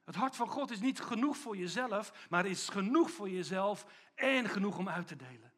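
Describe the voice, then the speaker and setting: A man preaching a sermon, swinging between loud, stressed lines and quiet, intimate asides. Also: sits high, animated, normal speed. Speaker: pastor.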